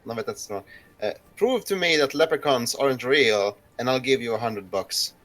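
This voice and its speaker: A man's voice: mid-range voice, normal speed, a bit bright. A man co-hosting a casual podcast who cuts in with dry, skeptical remarks. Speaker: podcast co-host.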